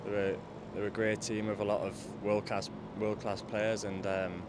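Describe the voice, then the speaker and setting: A man talking as a footballer in an interview outdoors, halting and repeating words. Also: fairly low pitch, level tone, noisy background.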